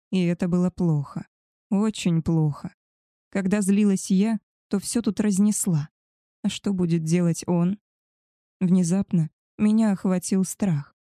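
A woman narrating a first-person story aloud in a calm, even reading style. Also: medium pitch, no echo, studio quality. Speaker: audiobook narrator.

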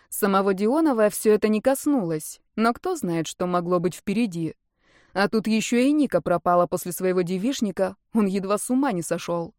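A woman narrating a novel in a steady, even reading voice, close to the mic. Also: medium pitch, no echo. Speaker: audiobook narrator. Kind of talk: scripted narration.

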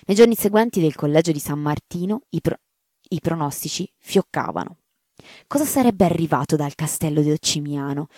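A woman reading a serialized story aloud for radio in a measured, theatrical way. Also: sits low, expressive, warm tone, dry recording, studio quality. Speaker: story reader.

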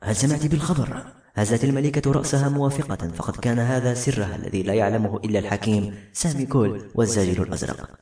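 Guy reading a novel aloud, fast, echoey room w/ faint music. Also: lowish voice, warm tone. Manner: brisk storytelling. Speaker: audiobook narrator. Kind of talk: scripted narration. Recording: roomy echo, faint music.

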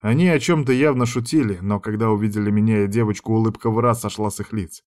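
A man's voice: lowish voice, fairly even intonation, quick pace, darkish tone. A man narrating a dramatic audiobook in a tense storytelling manner.

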